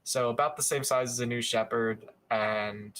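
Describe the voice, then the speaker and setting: A young man hosting a live show, giving casual commentary over footage, rambling with many fillers and quick self-corrections. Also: medium pitch, steady tone, a bit bright.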